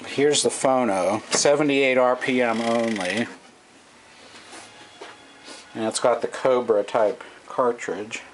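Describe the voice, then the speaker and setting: A middle-aged vintage radio restorer talks through his hobby in a casual, off-the-cuff way, hesitant and thinking aloud. His mid-range voice moves slowly with frequent pauses, recorded on the camera's built-in mic in a noisy amateur camcorder recording.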